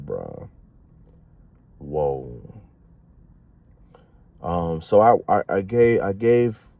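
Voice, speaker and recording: A young man telling a story in a casual vlog, slangy and animated, swinging from giddy excitement to hushed, somber talk. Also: low voice, dry recording. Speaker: new dad telling a story.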